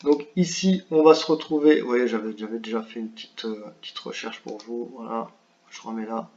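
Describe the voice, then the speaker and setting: A man talks viewers through a software tool in a screen-share tutorial, halting often with fillers and restarts. His voice sits at a middle pitch. The recording sounds roomy and a bit dull. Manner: hesitant, many fillers and restarts; apologetic about his English pronunciation. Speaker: online business tutor.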